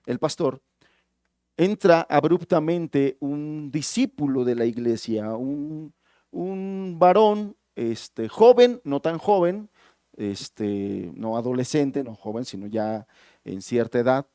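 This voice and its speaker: A man's voice: medium pitch, lively intonation, slow pace, dark tone, clear, resonant tone, no echo, studio quality. A male pastor with a Mexican Spanish accent preaching a sermon in a conversational, storytelling way. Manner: conversational storytelling, many restarts.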